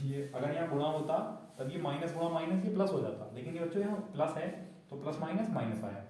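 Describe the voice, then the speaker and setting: A man's voice: on the high side, animated, fast talker, dark tone. A man teaching a maths lesson, explaining each step and often asking the class whether they understood. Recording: very echoey room.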